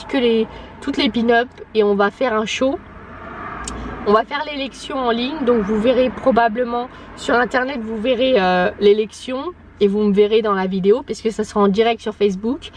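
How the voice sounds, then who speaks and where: A woman's voice: fairly high pitch, slight background noise. A woman from France, an au pair, chatting casually in a vlog with many fillers. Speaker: au pair vlogger.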